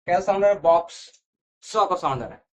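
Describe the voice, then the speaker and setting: A man's voice: high-pitched, lively intonation, a little fast. A man teaching an English grammar lesson, repeating words and often checking that students follow. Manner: repetitive, checks understanding with "theek hai". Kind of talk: classroom lesson explaining to students.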